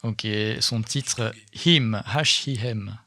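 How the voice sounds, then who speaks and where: A man hosting a casual radio talk show in a small studio, speaking with hesitant fillers and slowing down when reading lyrics aloud. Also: medium pitch, bright, forceful tone, dry recording. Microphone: studio microphone.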